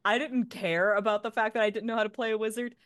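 A woman's voice: on the high side, fairly even intonation, no room sound, studio quality. A woman panelist in casual chat, emphatic and opinionated. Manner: emphatic, opinionated, quick restarts. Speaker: panelist on a role-play show.

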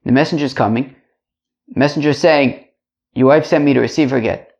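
The same kind of casual religious class unfolds indoors: a chatty male teacher repeats himself and poses rhetorical check-in questions. He talks briskly, in a mid-range, darkish voice with vocal fry.

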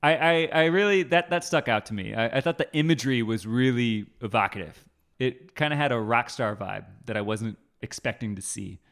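Casting: guy co-hosting a movie podcast, mid pitch, stop-start delivery. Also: fairly bright tone. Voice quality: halting, lots of fillers and restarts, laughs easily. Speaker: podcast co-host. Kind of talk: casual movie-review chat.

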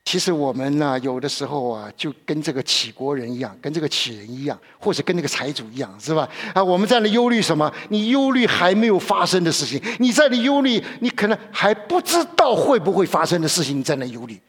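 Husky-voiced man preaching a sermon. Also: on the high side, lively intonation, quick pace, few pauses. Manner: conversational, repeats himself and asks the listeners questions.

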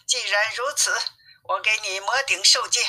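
A calm goddess of mercy gives short, composed orders in a bright, slightly husky voice, as a woman reads her in a storybook. She speaks in level, commanding tones and never hurries. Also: medium pitch, moderate pace. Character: calm all-powerful Buddhist goddess of mercy.

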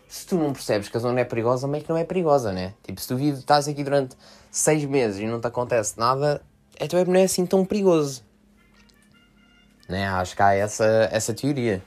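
A man's voice: mid-range voice, a little mellow. A young man from Portugal, rambling casually and jokingly on his solo podcast, full of slang and fillers. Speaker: podcast host.

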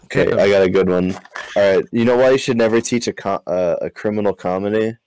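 A man telling deadpan one-liners in casual podcast chat and laughing at his own jokes. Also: fairly low pitch, quick pace, smooth, low-quality recording. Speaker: podcast guest comedian.

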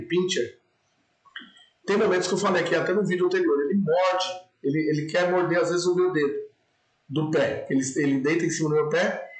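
High-voiced Brazilian man, echoey room. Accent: Brazilian Portuguese. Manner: emphatic, addresses the viewer directly with repeated checks. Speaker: dog trainer. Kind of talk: instructional talk to camera.

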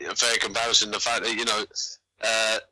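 A man's voice: on the low side, level tone, fast talker, bright, forceful tone, poor audio. A man co-hosting a casual boxing podcast, hesitant and stammering with dry understatement. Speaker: podcast co-host. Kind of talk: casual chat.

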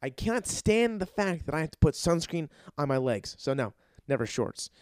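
A young man telling a story in a casual, excitable, profane way, acting out quotes in different voices. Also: on the high side, normal speed, no echo, studio quality. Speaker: golf caddy telling a story.

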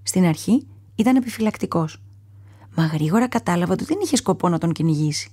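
A woman's voice: on the low side, husky, dry recording. Woman reading a children's story. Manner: calm, measured reading that drops to a soft whisper in places. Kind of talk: read-aloud children's story narration.

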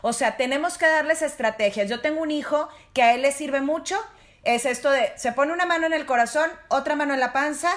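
Woman, middle-aged, high voice, parenting guest on a chat show. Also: a little fast. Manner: warm, explanatory, addresses parents directly. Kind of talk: casual advice talk.

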